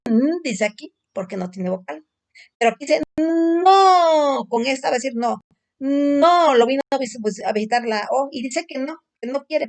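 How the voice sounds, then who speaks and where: A woman giving a phonics lesson to a young child at home, sounding out letters slowly and patiently coaxing the child to repeat. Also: sits high, darkish tone. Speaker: teacher.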